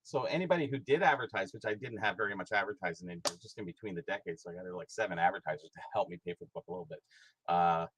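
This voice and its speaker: Husky, rambling middle-aged man. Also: fairly low pitch, very fast, a bit bright, no room sound, rough recording. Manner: rambling, full of fillers and restarts. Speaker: guest, hobby historian and price guide author. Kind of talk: casual conversation.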